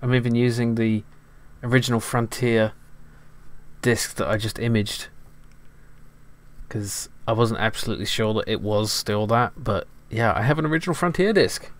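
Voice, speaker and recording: A middle-aged man hosting a retro computing video, muttering casually and mocking himself as he explores old files. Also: lowish voice. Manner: muttering, self-deprecating, quick to laugh. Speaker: retro computing channel host.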